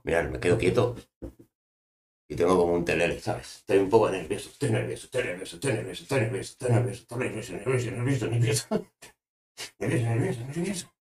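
A man voicing a nervous little male toy doll that stands in for the streamer, speaking quietly and repeating himself. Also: low voice, a little fast, pauses often, close to an everyday voice.

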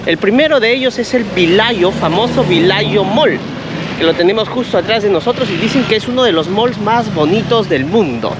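A man's voice: high voice, expressive, normal speed. A middle-aged man narrating a walking travel vlog, chatty and upbeat, talking to his viewers while holding the camera at arm's length. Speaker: travel vlogger. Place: outdoors by a street, then inside a large mall. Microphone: action camera held at arm's length. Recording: loud street and crowd noise. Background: traffic and crowd ambience.

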